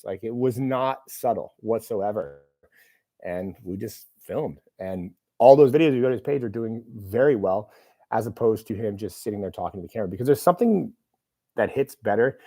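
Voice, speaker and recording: A man's voice: mid-range voice, warm tone. A man hosting a live Q&A, talking casually in a rambling, self-deprecating way with plenty of fillers. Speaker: host of a live Q&A. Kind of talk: casual live-stream chat. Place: room with a camera operator.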